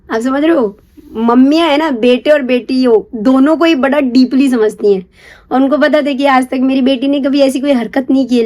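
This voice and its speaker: Young woman storyteller, slightly high voice, chatty and confiding, drops to whispers. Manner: chatty, confiding, keeps asking "you get it?"; drops to a hushed whisper when acting out secrecy. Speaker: storyteller recalling her first love. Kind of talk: casual personal storytelling.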